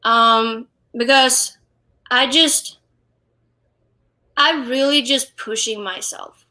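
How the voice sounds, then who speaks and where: Bright Swedish-accented woman, halting chat. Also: on the high side, steady tone. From Sweden. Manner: halting, many fillers and restarts. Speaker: guest drummer. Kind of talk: casual live-stream interview. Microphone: wireless headphones.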